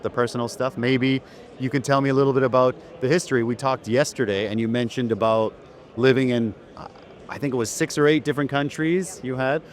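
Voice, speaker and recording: Casual man hosting an interview. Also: medium pitch. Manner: casual, loose, filler-heavy questions. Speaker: podcast host. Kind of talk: long-form interview.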